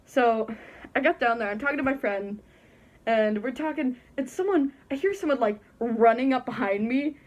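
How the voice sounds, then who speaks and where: A woman's voice: fairly high pitch, lively intonation, moderate pace. A teenage girl casually telling a story from her bedroom while wearing a costume head, chatty and giggly, acting out the people she quotes. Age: teens. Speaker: vlogger.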